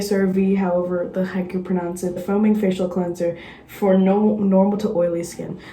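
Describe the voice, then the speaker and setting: This woman's voice runs low and dark, picked up by a distant mic in a roomy home setting, bathroom and kitchen, with household noise around her. She's chatting casually for a cooking vlog, rambling, teasing herself, and dropping lots of ums.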